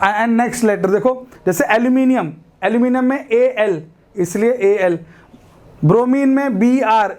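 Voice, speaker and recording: A man's voice: very high-pitched, a little mellow. Man, Indian accent, classroom lecture, chatty, rhetorical questions. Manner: chatty, asks rhetorical questions, mixes English into Hindi. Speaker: teacher.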